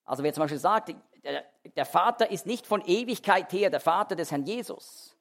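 A man's voice: sits high, expressive, moderate pace, vocal fry, fairly bright tone. A man teaching a sermon verse by verse, explaining emphatically and often restarting his sentences. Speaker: Bible teacher. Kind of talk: expository sermon.

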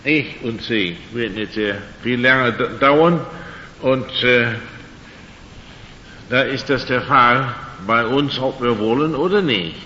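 An older male lecturer, not a native German speaker, gives an evening talk in German on creation and faith with a sharp tone. He speaks slowly and haltingly, using many fillers and a dry sense of humor. The recording is dull and echoey, made in a hall with a faint rumble.

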